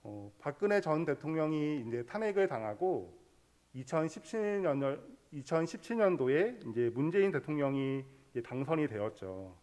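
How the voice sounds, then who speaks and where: A man's voice: fairly high pitch, expressive, normal speed, darkish tone. A man preaching a sermon, explaining a Bible passage step by step and leading the congregation in reading scripture aloud. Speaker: pastor.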